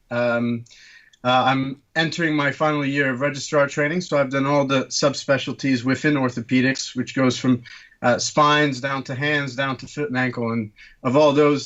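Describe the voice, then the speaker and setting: A Turkish man in his thirties, an orthopaedic surgeon, is a guest on a casual podcast, explaining things with plenty of ums and uhs. His mid-range voice is a bit bright, though the audio is dull.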